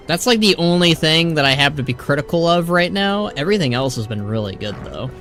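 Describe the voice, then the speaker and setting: A man's voice: a little high, animated, a little fast, a bit bright. A man hosting a game livestream, chatting casually and commenting as he plays. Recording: faint music behind.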